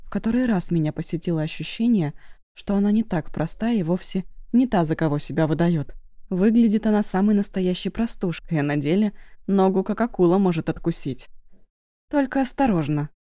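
A woman narrating a first-person audiobook in a steady, even manner. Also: on the low side, brisk, no room sound, clean studio sound.

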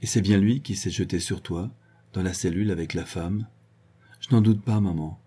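Guy reading an old novel out loud, lowish husky voice, kinda dark tone. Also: moderate pace. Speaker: audiobook reader. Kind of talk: scripted narration of a novel.

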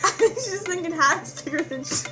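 A teenage girl co-hosts a homemade comedy podcast with a high, cheeky voice. She giggles through her jokes. Loud music sits behind her. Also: expressive, fairly quick. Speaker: podcast co-host.

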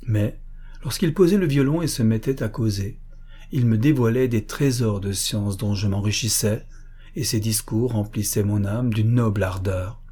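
A man reading a classic story aloud as scripted narration, in a steady, measured way and with a husky voice. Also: fairly low pitch. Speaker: audiobook reader.

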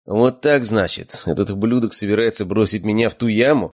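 A man's voice: on the low side, fairly quick, no room sound, clean studio sound, lightly acted. A man voicing a nervous young man, the bully's sidekick, who speaks anxiously in an audiobook. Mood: agitated.

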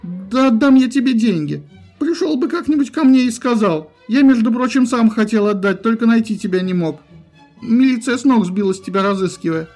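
Man doing a shrill whining crooked official. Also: expressive, moderate pace, a little mellow, faint music behind, heavily acted. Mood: pleading. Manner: panicky, pleading, wheedling.

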